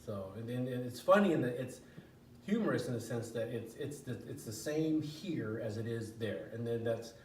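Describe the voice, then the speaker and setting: A man's voice: mid-range voice, animated, normal speed, far from the mic. A middle-aged man being interviewed, telling his life story casually, rambling with frequent restarts. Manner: rambling, restarts often, chuckles now and then. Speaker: interview guest. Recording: echoey room with background noise.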